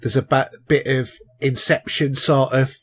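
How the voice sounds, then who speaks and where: A man's voice: mid-range voice, little pitch movement, a little slow, husky. A man, co-hosting a podcast and chatting casually about films and shows, with lots of fillers and restarts. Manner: rambling, many fillers and restarts. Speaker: podcast co-host.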